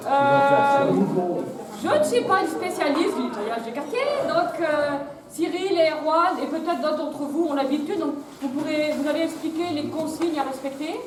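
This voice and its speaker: A high-pitched woman briefs a group of volunteers informally, feeling her way through the instructions. She is picked up from a distance in a noisy, reverberant room. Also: moderate pace, a crowd in the background. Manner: hesitant, improvised. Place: large echoey room with volunteers. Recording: echoey, noisy room from far off.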